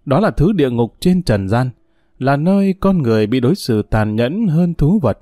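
Male audiobook narrator, warm, expressive, dry close read. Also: mid-range voice, moderate pace, no echo.

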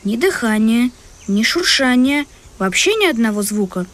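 A woman reading a children's story aloud in the first person, in a lively storytelling manner. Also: a little high, moderate pace. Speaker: audiobook narrator. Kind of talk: scripted first-person narration. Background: music.

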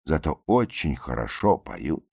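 A man reading a satirical tale aloud, acting out the characters' cries and arguments with much higher voices. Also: very animated, measured pace, creaky, husky, no room sound, clean studio sound. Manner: acts out the shouting passengers and officer with much higher voices. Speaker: narrator.

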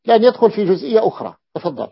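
A man with a fairly high voice teaching grammar, walking through word patterns step by step and repeating each key form. The recording is dull and lo-fi. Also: sing-song, very fast, gravelly, husky. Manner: repeats key forms and invites the reader to continue. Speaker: teacher of Arabic morphology. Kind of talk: explaining a classical grammar text.

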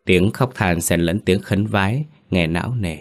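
Casting: male storyteller, low voice, grave and tense horror narration. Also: moderate pace.

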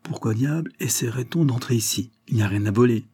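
A man reading the part of a wounded, exhausted drifter who gives low, terse, calm orders. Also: brisk, slightly rough, natural voice. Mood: murmuring. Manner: terse, low murmured commands. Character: wounded weary male drifter, calm and commanding.

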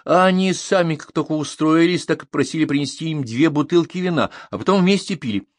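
A man's voice: fairly high pitch, fairly quick, no echo, studio quality, voice pushed up, lightly acted. A man reading an audiobook, voicing an elderly male waiter who is nervous yet dignified and earnest. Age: older. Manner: earnest, defensive.

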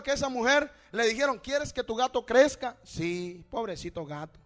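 A man preaching a sermon, fervent and swinging between loud exhortation and hushed storytelling, often calling listeners brother and asking rhetorical questions. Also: very high voice. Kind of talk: evangelical sermon.

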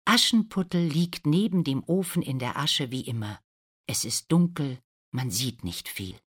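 Slow, expressive female storyteller. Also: deep voice, breathy edge. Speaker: narrator. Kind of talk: scripted storybook narration for learners.

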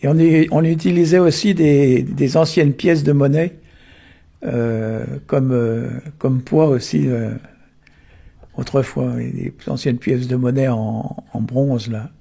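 A man, unhurried and full of tag words, explaining the origins of words. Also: mid-range voice, steady tone, gravelly, mellow, slightly rough. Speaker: Breton language explainer. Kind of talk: explanatory talk on word origins.

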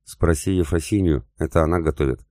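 A man's voice: rumbling low, a little fast, mellow, no room sound, studio quality. A man voicing a sulky teasing young wife. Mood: grumbling.

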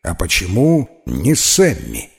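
A man's voice: sits low, huge pitch swings, slow pace, gravelly, heavily acted. A man voicing a tall, skinny, grumbling schoolboy in a children's storybook. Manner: grumbling, dry. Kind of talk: storybook character voice.

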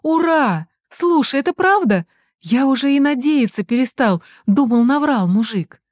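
Audiobook teen son, read by a woman, pitched up, eager. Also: lively intonation, moderate pace, darkish tone, dry recording, clean studio sound, close to an everyday voice. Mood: overjoyed. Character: teenage boy, eager, evasive son.

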